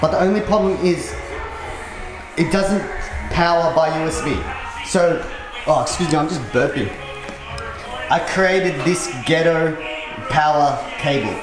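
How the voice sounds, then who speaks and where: A man giving a casual, excited vlog rundown from home. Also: fairly high pitch, measured pace, long pauses. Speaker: vlogger. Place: home, indoors. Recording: echoey room with music behind.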